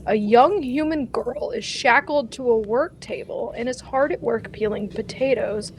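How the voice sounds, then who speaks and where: A woman's voice: fairly high pitch, unhurried, slight background noise, low-quality recording. A woman running a tabletop game as game master, narrating in a casual, playful way.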